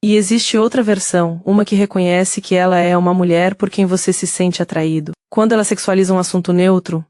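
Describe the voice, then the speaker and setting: A woman with a Brazilian Portuguese accent giving steady scripted narration that speaks directly to the listener. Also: lowish voice, fairly quick, few pauses, no room sound, studio quality.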